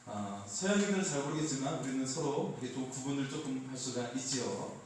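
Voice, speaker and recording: A man's voice: medium pitch, quick pace, slight background noise. A man preaching a Sunday sermon, light and joking as he quizzes his congregation. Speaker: pastor. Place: church sanctuary. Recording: echoey hall, heard from a distance.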